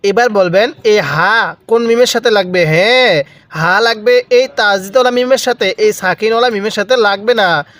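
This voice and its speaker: A high-voiced man from Bangladesh teaches Quran recitation. He stretches each verse out in a slow, clear chant, then explains the rules in quick plain speech. His smooth voice sounds dry and close. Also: a bit bright, no echo. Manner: asks the viewer questions and has them repeat after him. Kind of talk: recitation lesson.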